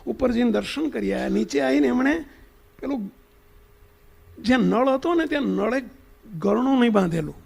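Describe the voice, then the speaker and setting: A man's voice: extremely high pitch, expressive, moderate pace, vocal fry, long pauses, darkish tone. A man preaching to an assembly, telling a story and putting questions straight to his listeners. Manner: questions the audience directly.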